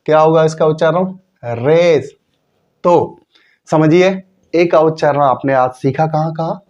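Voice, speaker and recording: A man's voice: a little high, a little slow, darkish tone, lo-fi sound. A man teaching English pronunciation, drilling example words by asking and repeating them. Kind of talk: classroom-style lesson.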